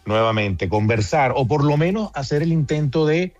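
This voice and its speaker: A man's voice: a little high, lively intonation, moderate pace, a little mellow, no echo, dull audio. A man, a TV producer, talking earnestly in a casual interview. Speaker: TV producer and guest.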